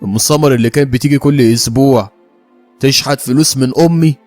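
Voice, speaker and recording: A man's voice: medium pitch, quick pace, darkish tone, no room sound, faint music behind, lightly acted. A man playing a hurt young police officer who speaks with an Egyptian accent in a raised, bitter voice. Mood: angry. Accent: Egyptian Arabic.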